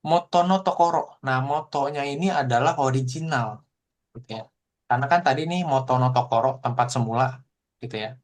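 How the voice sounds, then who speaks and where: Guy teaching japanese online, laid back, lots of fillers, mid pitch. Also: brisk. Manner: explains in relaxed casual Indonesian with frequent fillers. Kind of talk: online class lesson.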